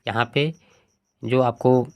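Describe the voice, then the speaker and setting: A man teaching from a textbook in an ordinary middle-pitched voice. He asks a question and answers it himself at once, then works through the word forms aloud one after another. Crickets chirp in the background. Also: fairly even intonation, slow, a little mellow. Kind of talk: explaining a textbook lesson.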